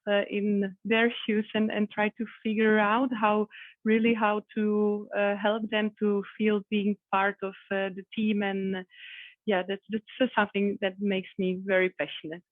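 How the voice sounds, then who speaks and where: A woman's voice: mid-range voice, little pitch movement, measured pace, dry recording. A woman in her thirties from the Republic, speaking, talking as an interview guest with many hesitant fillers. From Czech Republic. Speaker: guest, communications manager. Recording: tinny phone-like remote call.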